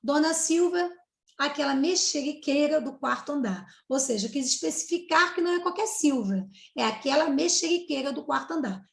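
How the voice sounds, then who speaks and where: High-voiced Brazilian woman teacher, gravelly. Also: expressive, moderate pace. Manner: explains step by step, checks in with "tá?" often. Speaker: Portuguese teacher. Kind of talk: recorded grammar lesson for 7th grade. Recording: echoey room.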